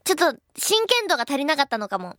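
Bubbly high-voiced young woman radio host. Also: big pitch swings, quick pace, a bit bright, dry recording, clean studio sound. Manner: chatty, bubbly and self-deprecating. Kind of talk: casual radio talk reading listener mail.

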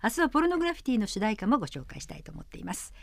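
Brisk, lively-voiced woman host. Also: on the high side, dry recording. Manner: brisk and attentive, frequent short backchannels. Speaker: radio host. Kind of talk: radio interview.

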